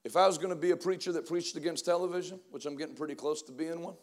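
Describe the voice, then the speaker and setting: A man in his forties preaching a sermon, energetic and joking, calling out to the congregation for responses. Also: on the high side, very fast. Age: 40s. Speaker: pastor.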